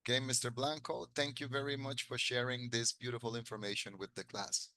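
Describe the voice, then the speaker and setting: Bright-voiced male English teacher. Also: mid-range voice, flat delivery. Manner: patient, explains slowly and repeats phrases. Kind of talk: bilingual classroom lesson.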